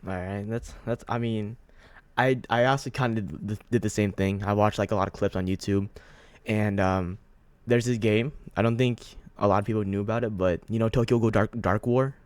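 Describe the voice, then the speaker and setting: A man with a somewhat low voice hosts a casual interview, recorded dry and close with no room sound. He asks his questions in a rambling, hesitant way, restarting often. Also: steady tone, normal speed, no room sound. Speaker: host, interviewer.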